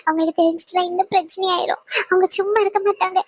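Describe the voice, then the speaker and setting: A woman's voice: very high voice, steady tone, racing, dry recording. A woman voicing a defensive young woman friend in a cartoon, protesting and pleading. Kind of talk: cartoon voice acting.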